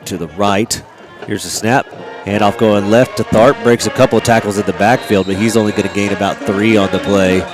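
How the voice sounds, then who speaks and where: A man calling a local high school football game on radio, stuffy from a head cold, reading sponsor spots between plays. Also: steady tone. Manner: brisk play calls and read sponsor spots. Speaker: play-by-play announcer. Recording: outdoor stadium with band music and crowd.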